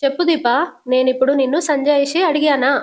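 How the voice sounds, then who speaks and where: A stern, commanding middle-aged father, as a woman narrator puts him on, voiced a touch higher than her usual pitch. He presses his questions forcefully and refuses to back down, told as a spoken storybook retelling. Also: fairly even intonation, fairly quick, close to an everyday voice.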